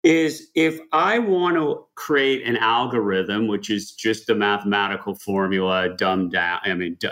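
A man's voice: fairly low pitch, fairly bright tone. A man hosting a podcast interview who is also a lawyer, talking in a loose, joking way and often repeating his phrases.

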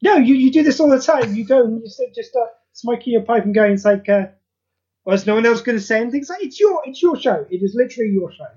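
An audio drama creator appearing as a podcast guest chats casually and animatedly, quoting other people in acted voices and using frequent fillers. He has a mid-range voice and a quick pace, recorded in slightly dull lo-fi audio.

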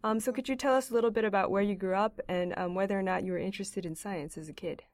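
A woman's voice: medium pitch, steady tone, quick pace, no room sound, studio quality. A young woman in her twenties, a graduate student, hosting a podcast interview in a friendly, encouraging way. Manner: friendly, encouraging, frequent mm-hmms.

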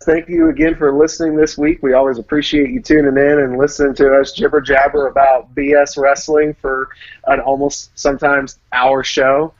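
A man's voice: mid-range voice, fairly even intonation, normal speed, no room sound. A man co-hosting a wrestling podcast in a laid-back, playful chat, and signing off the show. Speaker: podcast co-host. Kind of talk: casual chat. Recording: dry, dull lo-fi sound.

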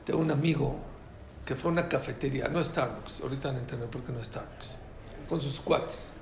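A man giving an informal, joking talk to a live audience, repeating his key phrases in an animated way. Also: medium pitch, brisk, creaky, reverberant, slight background noise.

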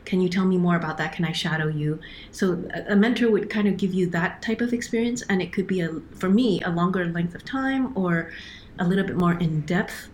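A woman with a slightly low voice is explaining things earnestly on a remote podcast call, restarting her sentences often. A faint hum of room noise sits behind her. She sounds middle-aged and talks in a measured, explanatory way. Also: darkish tone. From Hong Kong. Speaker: guest, operations director. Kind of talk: podcast interview.

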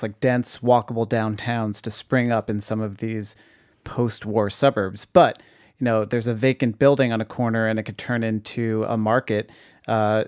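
A man's voice: lowish voice, no room sound, studio quality. A man co-hosting a talk podcast, chatting casually and giving informal, emphatic advice to listeners. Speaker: podcast co-host.

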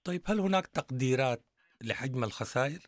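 A man's voice: medium pitch, expressive, fast, no echo. A man with a Sudanese accent hosting a public radio interview.

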